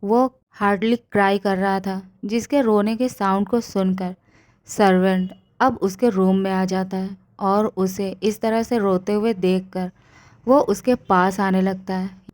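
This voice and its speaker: A woman narrating a fan fiction story in a steady storytelling manner. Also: medium pitch, a little slow.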